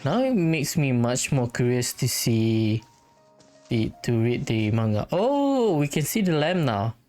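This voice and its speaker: Woman let's-player, very low voice, unhurried, relaxed commentary. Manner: relaxed, laughing commentary on the story. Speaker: gamer playing on a channel. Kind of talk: casual let's-play commentary. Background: game music.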